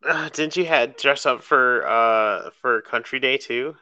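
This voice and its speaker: A man's voice: mid-range voice, measured pace, bright, forceful tone, dry recording, muffled recording. A man co-hosting a casual chat, teasing the others in a hesitant way with ums and laughs. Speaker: podcast co-host.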